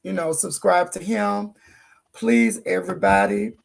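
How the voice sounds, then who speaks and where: Woman, livestream host, hoarse, gravelly fry, casual chat. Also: medium pitch, a little slow. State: hoarse, losing her voice.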